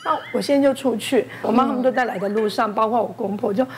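A woman doctor on a talk show, retelling a near-death birth in a quick, stammering way. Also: fairly high pitch, slight background noise. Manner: fast, stammering retelling with quoted voices. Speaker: doctor guest. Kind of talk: emotional storytelling on a talk show.

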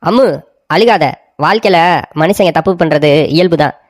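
A woman voicing a kind, gentle young husband in a cartoon, soft and soothing. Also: on the low side, normal speed, no room sound, clean studio sound, natural voice. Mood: comforting. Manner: soothing, tender, pleading. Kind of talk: cartoon voice acting.

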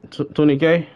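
Playing an online roleplay shooter on a live stream, the young American man talks casually in a slightly high voice with a breathy edge. His chat is slangy and full of repeated short phrases, and the stream audio is a bit dull and lo-fi.

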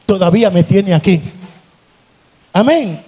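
A man, an evangelist preaching a Pentecostal sermon at a church convention, impassioned and building to shouted crescendos. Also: sits high, animated, measured pace, breathy edge.

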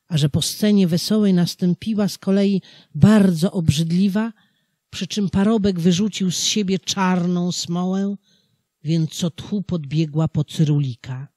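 A narrator reading an old folk tale aloud for an audiobook, slow and expressive. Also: medium pitch, dry recording, clean studio sound. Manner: expressive, animated storytelling. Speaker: audiobook reader.

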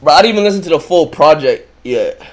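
A man's voice: fairly high pitch, lively intonation, fast talker. Young man reacting emotionally, hip-hop slang. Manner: emotional, repetitive exclamations, heavy slang. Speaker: streamer reacting to music. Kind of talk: casual reaction stream talk. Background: music playing.

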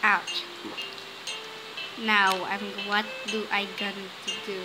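A woman giving casual commentary while playing a card game, excitable and bursting into squeals and complaints. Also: medium pitch, takes it slowly, heavy background noise. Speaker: gaming video host. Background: game music.

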